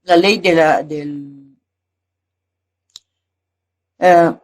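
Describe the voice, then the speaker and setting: A woman teacher explaining poetry lessons, often asking a rhetorical "right?" and pausing with fillers. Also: low-pitched, steady tone, darkish tone. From Bolivia. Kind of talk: recorded class lesson.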